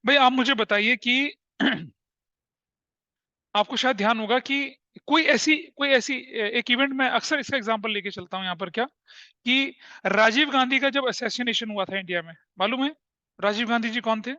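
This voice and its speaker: Man, classroom lecture, high voice, animated questioning, dull muffled recording. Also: moderate pace, no echo. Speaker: teacher.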